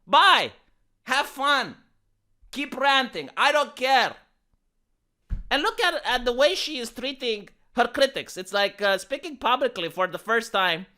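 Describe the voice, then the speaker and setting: A man's voice: very high voice, sing-song, unhurried, sharp tone. A YouTuber man ranting in sarcastic, indignant commentary, often repeating words as he gets worked up.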